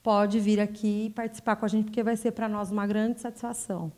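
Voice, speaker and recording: A woman's voice: mid-range voice, flat delivery, a little fast, a little mellow. A woman, explaining things in an interview into a handheld microphone. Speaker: school director. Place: indoors, small room.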